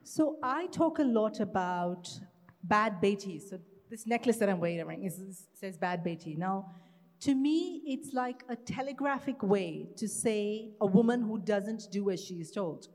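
Moderating a live panel in a reverberant event hall before an audience, a woman introduces guests and asks questions upbeat. Her mid-range voice is a little mellow, with lively intonation and an unhurried pace, and she laughs at her own stumbles.

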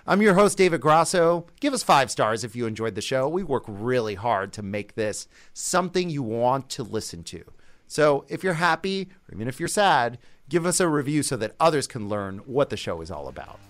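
A man's voice: mid-range voice, very animated, normal speed, a bit bright. A man hosting a podcast, reading scripted sign-off remarks and thanks. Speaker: podcast host.

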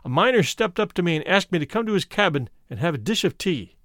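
A man reading a first-person memoir aloud in measured, steady storytelling narration. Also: high-pitched, dry recording, clean studio sound. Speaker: reader.

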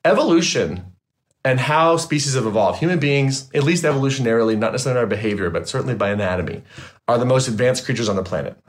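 A man, a trauma therapist and guest, talking in a casual, animated and emphatic way, swearing freely. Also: medium pitch, fast. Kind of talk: casual interview chat.

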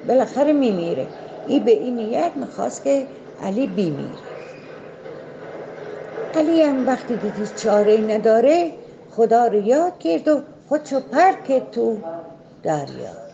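A woman's voice: on the high side, gravelly, lo-fi sound, noisy background. A woman telling a folktale in a conversational way, stopping for side remarks to the listener. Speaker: storyteller.

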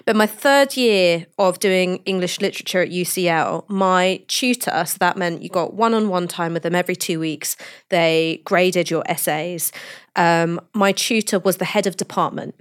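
A woman co-hosting a casual panel discussion, telling stories in an animated, candid way. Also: lowish voice, normal speed, smooth. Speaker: co-host.

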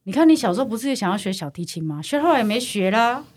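A woman quoting a gently coaxing Taiwanese mom. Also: fairly high pitch, big pitch swings, rapid-fire. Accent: Taiwanese Mandarin.

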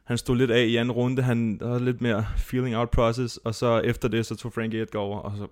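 Rambling male podcast host. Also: medium pitch. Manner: rambling, animated storytelling. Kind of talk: casual chat about fighting.

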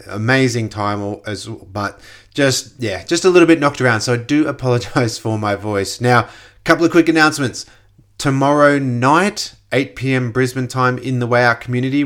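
Man, podcast host, congested voice, upbeat and emphatic, mid-range pitch. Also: fairly bright tone. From Australia. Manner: upbeat, emphatic, loose restarts. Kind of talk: motivational podcast talk.

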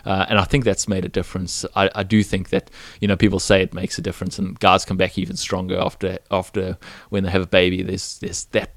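A man's voice: sits low, monotone, brisk, few pauses, no echo. A man in his thirties talking casually and reflectively in an interview as an athlete. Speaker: professional triathlete, interviewee.

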